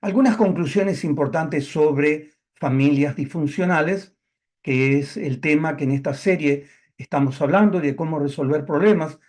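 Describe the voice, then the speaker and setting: A middle-aged man preaches, his voice sitting a little high for a man. He reads the scripture passages slowly and with weight, then explains them in a steady teaching voice. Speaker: pastor. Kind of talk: sermon.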